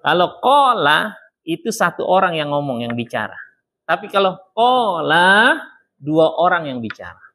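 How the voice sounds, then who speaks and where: Guy teaching a quran recitation class at the mosque, voice a bit high, talks it through simply and quizzes folks by name. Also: big pitch swings, bright, forceful tone. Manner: explains plainly, chants verses in slow melodic recitation. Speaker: Islamic teacher. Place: mosque study circle.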